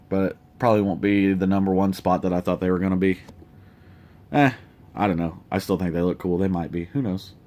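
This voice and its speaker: A man casually showing off his toy collection in a home vlog, rambling with lots of ums and uhs. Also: on the low side. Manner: relaxed, rambling with many fillers. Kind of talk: casual show-and-tell vlog.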